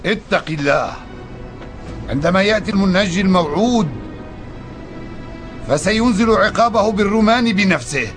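A man's voice: sits high, expressive, normal speed, long pauses, fairly bright tone, faint music behind. An actor playing a defiant, devout Judean man giving warnings in a dubbed historical drama.

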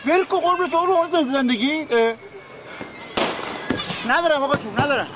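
An actor playing a blunt, teasing van driver who talks in a joking, exasperated, colloquial way. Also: male voice, extremely high pitch. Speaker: truck driver. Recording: outdoor street noise.

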